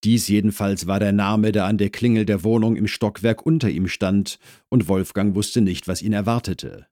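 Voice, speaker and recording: A man narrating a comic audiobook in a wry, lively storytelling manner. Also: on the low side, moderate pace, no room sound, studio quality.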